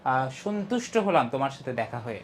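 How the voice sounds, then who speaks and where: A young man teaching an English lesson, explaining step by step, reading English lines slowly and stressing key syllables. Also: medium pitch, very animated, a little hiss or hum. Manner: explains step by step, often asks "ঠিক আছে?". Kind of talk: online class lesson.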